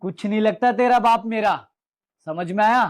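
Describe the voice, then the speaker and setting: Lightly acted, a man with a fairly high voice at normal speed plays a domineering young husband. He speaks harshly and angrily, hurling insults at his wife and her father.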